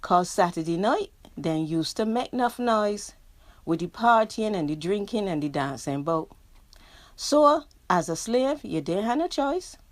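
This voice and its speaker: A middle-aged poet with a Barbadian accent, of Barbadian family heritage and living in England, reads her dialect poems rhythmically before discussing her book as a radio guest. Her voice is medium-pitched, expressive, and unhurried, with no echo.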